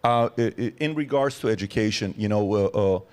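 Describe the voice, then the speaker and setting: Speaking slightly quickly in a fairly low voice, a podcast host in his forties poses interview questions. Each one is drawn out, padded with many fillers before he gets to the ask.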